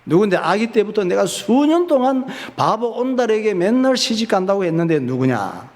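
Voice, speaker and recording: A pastor telling a folk tale in his sermon, lively and folksy, often asking and answering his own questions. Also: sits high, moderate pace. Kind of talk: sermon storytelling. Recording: reverberant church hall.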